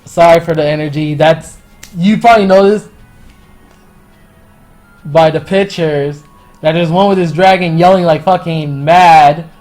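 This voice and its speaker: A man casually reviewing a story in a rambling, profane, excitable way. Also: on the high side, unhurried, long pauses, faint music behind. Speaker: anime and manga reviewer.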